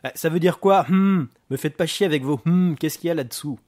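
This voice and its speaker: A man voicing a loud, foul-mouthed, panicky male gangster in an audiobook reading, shouting and swearing. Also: a little high, brisk, pitched above the performer's own voice, lightly acted. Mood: furious.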